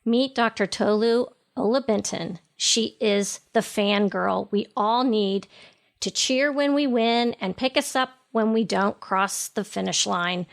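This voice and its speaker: A middle-aged woman hosting a podcast, introducing a guest and asking questions in a measured, deliberate way. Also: medium pitch, gravelly. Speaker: podcast host. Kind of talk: scripted intro and interview questions.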